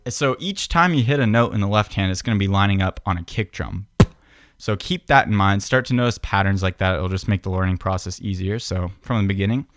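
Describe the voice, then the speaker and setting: A piano and beatbox teacher with a deep voice talks a little fast as he walks through a piano tutorial step by step. He is relaxed and patient, opening many sentences with "so," while piano plays in the background.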